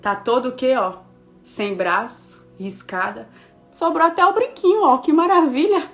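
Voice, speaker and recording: A woman pastor in her thirties preaches a devotional talk with a fairly high voice. She tells her story expressively, dramatizing the moments and turning often to address her listeners. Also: normal speed, a bit bright, faint music behind. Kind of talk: devotional sermon with a personal story.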